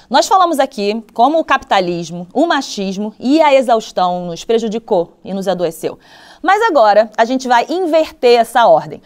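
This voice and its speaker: A woman with a Brazilian Portuguese accent co-hosting a podcast, narrating an opening and then talking candidly in a reflective, confessional way. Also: fairly high pitch. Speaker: podcast co-host.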